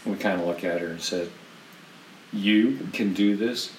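A man's voice: low voice, normal speed, recorded from a distance, a little hiss or hum. A man telling stories in a casual, rambling way, with many restarts and laughs. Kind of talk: casual storytelling. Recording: roomy and from off-mic.

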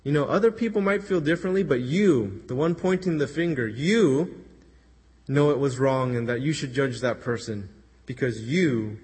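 Husky-voiced man preaching in a reverberant hall. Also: medium pitch, moderate pace, darkish tone. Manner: earnest, conversational retelling with quoted voices. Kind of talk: sermon.

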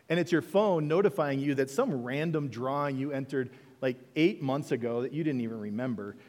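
A man's voice: mid-range voice, in a large hall. A male pastor preaching a sermon in a church, conversational and full of rhetorical questions. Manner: conversational preaching, rhetorical questions, dips soft then rises.

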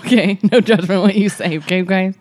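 A woman's voice: medium pitch, a little fast, darkish tone. A woman hosting a podcast, chatting casually in a bubbly, giggly way. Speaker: podcast host. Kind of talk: casual chat.

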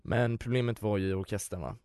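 A man's voice: lowish voice, steady tone, darkish tone, smooth, dry recording, studio quality. A man co-hosting a casual chat, joking in a blunt and crude way. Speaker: podcast co-host.

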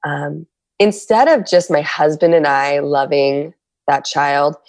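Speaking candidly in a reflective podcast interview, this San Diego woman in middle age uses a low, steady voice, frequently pausing and starting over as she hunts for the right words. The recording is close and dry, without any room sound.

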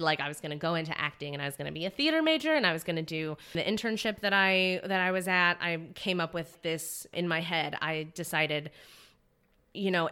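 Bright clear-voiced young woman. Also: fairly low pitch. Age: 20s. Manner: earnest, rambling, many likes and restarts. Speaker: actress and podcast guest. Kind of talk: casual podcast interview.

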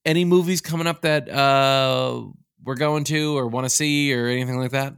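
A man's voice: medium pitch, creaky, smooth, dry recording, clean studio sound. A man from Massachusetts, co-hosting a podcast in casual chat, swearing freely and restarting his sentences. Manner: swearing, quick restarts, animated. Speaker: podcast co-host.

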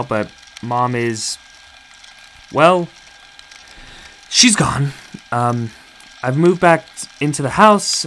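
An actor playing a hesitant man leaving a voicemail for his brother, talking in an awkward, halting way with pauses and restarts. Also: medium pitch, a bit bright, poor audio. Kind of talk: audio drama acting.

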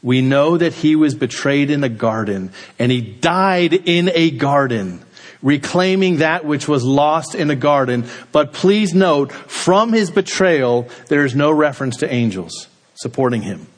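A man preaching a sermon, slow and deliberate, letting his voice drop low and quiet at the end of each phrase. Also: lively intonation. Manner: slow, deliberate delivery with dramatic drops in pitch and volume at phrase ends. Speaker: pastor.

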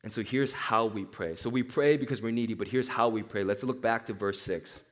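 A young man from Tennessee giving a casual sermon to students, telling stories in an animated, chatty way with asides. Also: medium pitch, brisk. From born in Korea, raised in Nashville, Tennessee. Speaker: campus speaker.

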